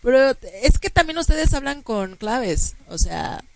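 A woman's voice: high voice, sing-song, a little slow, creaky. A woman with a Mexican accent co-hosting a talk show, bantering playfully and laughing often.

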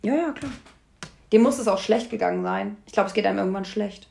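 A woman's voice: mid-range voice, fast, gravelly, a little mellow. Blunt, slangy woman chatting. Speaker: podcast co-host. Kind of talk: casual chat recapping a reality show.

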